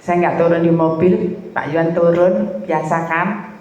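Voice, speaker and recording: A woman preaching a testimony sermon, telling her story in a lively way and mixing in phrases. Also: fairly low pitch, measured pace, lo-fi sound. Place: church. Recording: very echoey church hall with faint noise.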